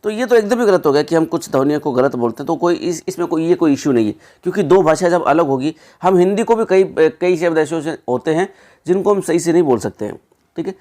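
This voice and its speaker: A young man working through exam questions as a teacher, chatty, often checking in with listeners, reading options slowly before explaining them. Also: fairly high pitch, animated, warm tone. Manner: conversational, repeats "ठीक है" and "दोस्तों"; reads English options slowly, then explains.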